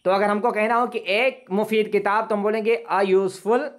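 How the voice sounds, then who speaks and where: Guy teaching english online, patient, repeats words slow over and over, video call mic. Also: high-pitched, steady tone. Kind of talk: online lesson explaining grammar rules. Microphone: computer mic on a video call.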